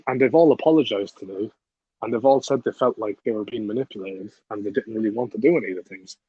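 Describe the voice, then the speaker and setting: A husky-voiced young man in his late teens tells his story as a podcast guest, blunt and swearing freely, with laughs mixed into his talk. The recording is dull and lo-fi, and dry with no room sound. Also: lowish voice, fast talker, dry recording. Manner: profane, blunt, laughs while telling the story. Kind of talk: casual storytelling.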